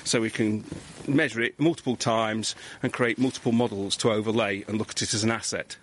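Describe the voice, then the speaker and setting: Male engineer, low-ish voice, patient technical explainer, outdoor interview with faint background noise. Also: fairly even intonation. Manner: measured, explanatory, with restarts. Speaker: civil engineering lecturer. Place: outdoors on a hillside street.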